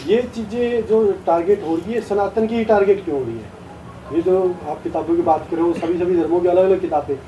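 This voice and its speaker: A man's voice: high-pitched, brisk, lo-fi sound, a little hiss or hum. A man working as a reporter, asking questions politely at a press event. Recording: distant mic in a loud crowd.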